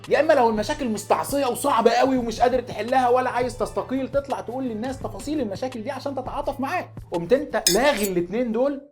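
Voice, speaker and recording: In his twenties and speaking with an Egyptian Arabic accent, a man hosts as a football fan, talking to the camera naturally and unscripted. His very high-pitched voice is earnest and insistent, full of rhetorical questions.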